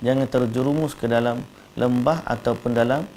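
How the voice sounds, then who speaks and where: A male religious teacher with a Malaysian Malay accent delivers a lecture. His voice carries a gravelly, fry-tinged edge at an ordinary middle pitch. He explains step by step and poses rhetorical questions to those listening. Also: fairly even intonation, moderate pace, a little mellow, slight background noise.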